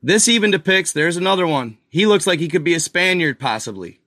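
A man hosting a casual video, talking excitedly over images on screen, speculating and firing questions at his viewers. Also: sits high, a little fast, dry recording, studio quality. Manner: addresses viewers as guys and y'all, lots of fillers. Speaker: video host.

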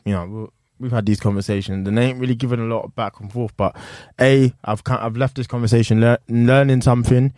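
Male interview host, London accent, average pitch, dry sound, relaxed chatty delivery. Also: fairly quick, hardly any pauses, no echo. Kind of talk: casual interview chat.

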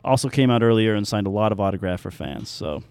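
A man's voice: fairly low pitch, animated, fast, a little mellow, clean tone, no echo. A man with an American accent talking casually as co-host of a sports podcast.

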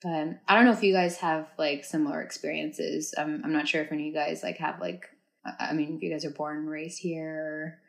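A woman's voice: sits low, flat delivery, fairly quick, gravelly. A young woman from Uzbekistan chatting casually as a podcast guest, filling her talk with likes and ums. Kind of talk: casual chat.

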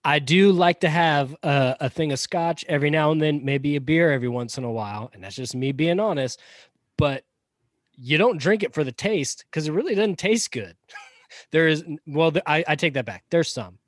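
A man's voice: a little high, expressive, normal speed, dry recording, clean studio sound. A man with a Southern accent, co-hosting a podcast and talking casually and opinionatedly, with frequent restarts and asides. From Florida-born, raised in Georgia. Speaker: podcast co-host. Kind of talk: casual conversational commentary.

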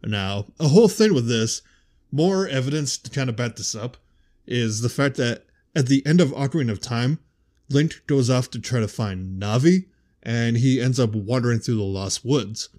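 A man's voice: mid-range voice, normal speed, darkish tone. A man giving casual, rambling video game theory commentary, correcting himself as he goes and pronouncing th sounds as f. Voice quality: says th sounds as f. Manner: rambling, self-correcting, conversational. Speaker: host.

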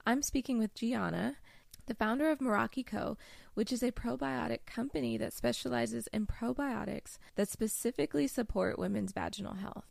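A woman's voice: on the high side, vocal fry, a little mellow, no echo, studio quality. A woman hosting a podcast, talking in a bubbly, slangy, enthusiastic way. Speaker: podcast host. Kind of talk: casual podcast chat.

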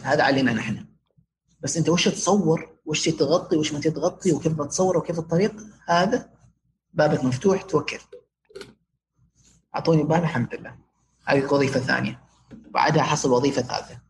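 A man's voice: on the high side, fast talker, long pauses, noisy background. A young Omani man telling personal stories casually as an interview guest, his Omani Arabic sprinkled with English words. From Oman. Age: young adult.

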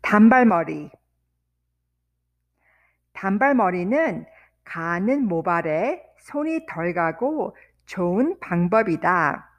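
A woman teaching vocabulary, saying each word slowly and deliberately, repeating words and sentences one piece at a time. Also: medium pitch. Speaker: language teacher. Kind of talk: vocabulary lesson with repetition.

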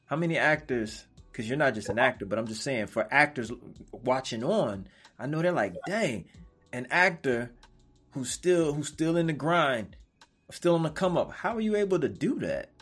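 A man's voice: mid-range voice, animated, moderate pace, breathy edge, soft background music. A man hosting a podcast, chatting casually with a guest in an upbeat, affirming, slangy way. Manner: hype, affirming, slangy, laughs loudly. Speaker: podcast host. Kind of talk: casual interview chat.

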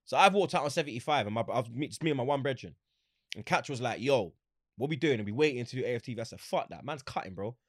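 A man with a London roadman accent and heavy street slang, chatting casually and acting out exchanges as he tells animated stories. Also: mid-range voice, fast talker, dry recording, studio quality. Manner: animated storytelling, acts out quoted exchanges. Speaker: interview guest, football fan. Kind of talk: casual anecdotal chat.

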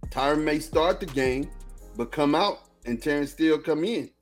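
A man's voice: fairly high pitch, normal speed, soft background music. Rambling Texan man talking football. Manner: rambling, repeats himself, lots of "you know what I'm saying". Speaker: podcast co-host. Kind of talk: casual sports talk.

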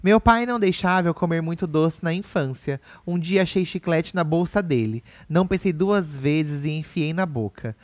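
Excitable Brazilian man, dry sound. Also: fairly high pitch, moderate pace, few pauses, no room sound. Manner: animated, excitable reactions, repeats catchphrases. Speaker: podcast co-host. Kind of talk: casual chat.

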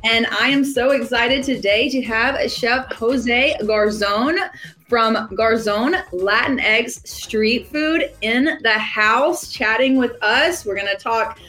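Bright, bubbly woman podcast host. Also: on the high side, takes it slowly. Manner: bubbly, laughs often, Southern "y'all". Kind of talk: casual interview chat. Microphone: remote interview mic.

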